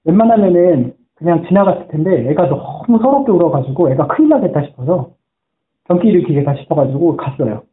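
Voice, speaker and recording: A man's voice: a little high, lively intonation, a little fast. A man preaching a sermon as a pastor, earnest and telling stories in which he quotes people's words. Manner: earnest storytelling, quoting voices. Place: church sanctuary. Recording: echoey room on a tinny phone-like line.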